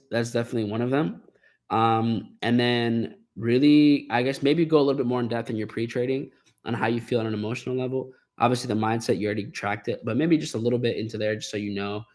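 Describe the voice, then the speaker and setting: Man, trading coach, live stream, casual, encouraging, fillers and restarts, mid-pitched voice. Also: darkish tone.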